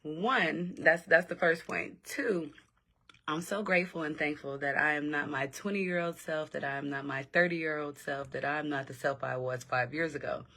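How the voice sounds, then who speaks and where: Animated bright-voiced woman telling a story. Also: low-pitched, moderate pace, gravelly. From South Central Los Angeles. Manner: animated, laughs often mid-story. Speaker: host, personal growth coach. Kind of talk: casual storytelling monologue.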